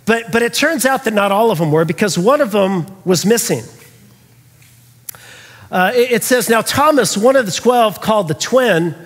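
A man preaching an Easter sermon as pastor, conversational and chatty, slowing down to read scripture. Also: high voice, fairly bright tone, husky. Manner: conversational, with chuckling asides and slowed scripture reading. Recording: long hall reverb.

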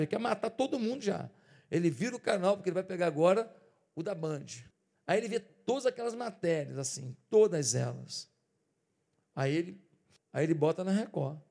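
A Brazilian man preaching a sermon as pastor, colloquial and lively, acting out everyday scenes and rising to forceful emphasis. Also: high voice. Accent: Brazilian Portuguese.

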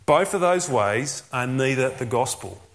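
A man's voice: medium pitch, animated, measured pace. A man preaching a sermon as a pastor, earnest and emphatic, often asking rhetorical questions.

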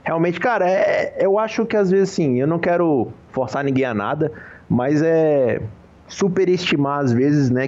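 A man, a professional poker player being interviewed, talking in a relaxed, slangy way and often checking that he is understood. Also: medium pitch, dull audio. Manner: relaxed, slangy, says "cara" and "entendeu" often. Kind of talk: casual interview talk.

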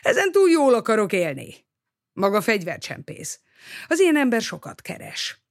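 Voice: medium pitch, huge pitch swings, gravelly, dry recording, clean studio sound. A reader voicing a cheeky, sly male blackmailer who talks in a mocking, teasing way.

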